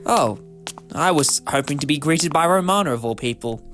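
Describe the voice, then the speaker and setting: A man's voice: a little high, lively intonation, moderate pace. A man playing a fussy, eccentric time-travelling inventor in a fan audio drama, with a flustered, theatrical manner. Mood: reluctant, grumbling. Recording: voice over loud music and effects.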